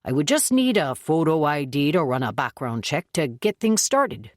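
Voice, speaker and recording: A woman's voice: deep voice, big pitch swings, moderate pace, no echo, clean studio sound. A woman narrator voicing a kindly, polite middle-aged male gun shop clerk in an audiobook. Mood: friendly. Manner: polite, helpful.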